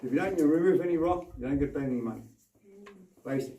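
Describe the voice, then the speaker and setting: Speaking fast in a warm, slightly high voice, this mine tour guide walks through a demonstration step by step in an underground tunnel. The recording comes from a camera mic some distance away, leaving his voice off-mic amid the tunnel's echo and noise.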